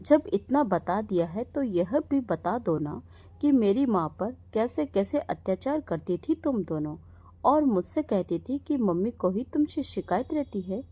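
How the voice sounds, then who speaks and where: A woman's voice: mid-range voice, mellow, dry recording. A woman voicing a young husband who mocks and confronts his wife in a storybook tale. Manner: mocking, commanding. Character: young husband, calm, mocking, in control.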